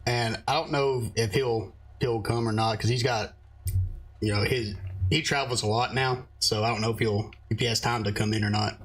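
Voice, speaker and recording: A man's voice: mid-range voice, steady tone, normal speed, slightly rough. Laid-back man chatting in a game. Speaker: roleplay streamer. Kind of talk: casual in-game voice chat.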